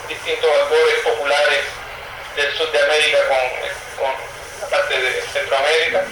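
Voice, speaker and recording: Young Cuban writer, Cuban Spanish accent, hesitant interview answers, flat delivery, recorded off-mic. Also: male voice, a little high, far from the mic. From Cuba. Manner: thoughtful, with frequent hesitations and fillers. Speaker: writer and poet, guest. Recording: roomy sound, from the mic, faint noise.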